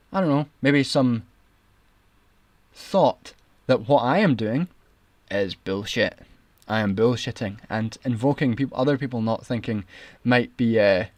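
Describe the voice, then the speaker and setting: A young Scottish man delivers streaming commentary in a medium pitch, ranting with indignation, sarcasm and a combative edge until his voice turns raspy. The recording is dry.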